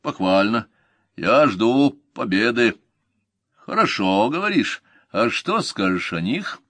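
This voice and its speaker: A man's voice: medium pitch, very animated, slow, a bit bright, dry recording, heavily acted. A man voicing a stern ancient general who presses his men with demanding questions, in an audiobook reading. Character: stern male Carthaginian general, commanding.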